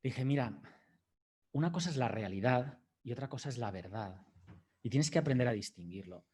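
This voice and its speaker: A man's voice: medium pitch, expressive, moderate pace, a little mellow, slightly rough. A man giving a university lecture, reflective and acting out his talks with a student as he tells the story. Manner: reflective, acts out dialogue with a student.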